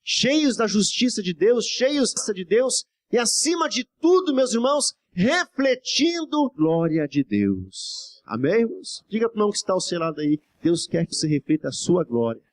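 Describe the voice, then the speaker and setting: A male pastor preaching with a strikingly high voice, far above most men. He exhorts the congregation fervently, pressing his questions and repeatedly calling on the brothers. It is a live sermon in church before the faithful. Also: sing-song, brisk, hardly any pauses. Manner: constantly addresses "brothers" and asks for amens.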